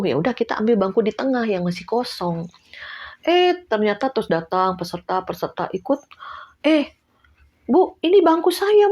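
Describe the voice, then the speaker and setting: A woman's voice: fairly low pitch, lo-fi sound. A middle-aged woman evangelist telling a testimony in a sermon, speaking to the congregation as "saudara" and acting out the voices of others in her story. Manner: storytelling, addresses listeners as "saudara", acts out dialogue, laughs often. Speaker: evangelist preaching.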